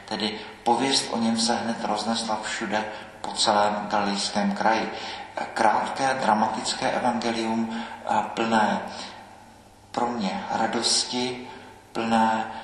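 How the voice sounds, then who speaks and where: A man giving a measured, reflective sermon as a priest, often pausing with hesitations. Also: on the low side, level tone, a bit bright. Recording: echoey church hall, faint ambience.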